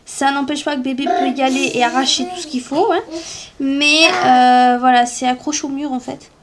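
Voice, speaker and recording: A woman's voice: high-pitched, steady tone, normal speed, over a noisy crowd. A young woman, a mother, chatting casually in a home vlog, showing her purchases and searching for words, dropping in English terms. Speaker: family vlogger.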